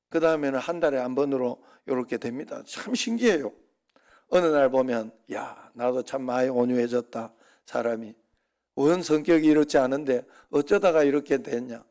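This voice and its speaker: A man's voice: on the high side, darkish tone. A middle-aged man preaching a Sunday sermon as pastor, conversational and full of rhetorical asides to the congregation.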